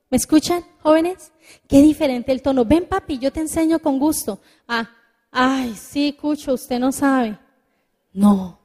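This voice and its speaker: A middle-aged woman delivers a sermon in a high, mellow voice, taking her time over each phrase. She exhorts her listeners earnestly and keeps turning to them with direct questions. Her voice carries a long reverb, as in a church hall. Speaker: preacher.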